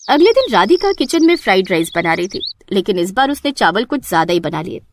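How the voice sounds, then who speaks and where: A woman's voice: medium pitch, sing-song, fairly quick, slight background noise. A woman narrating a scripted story.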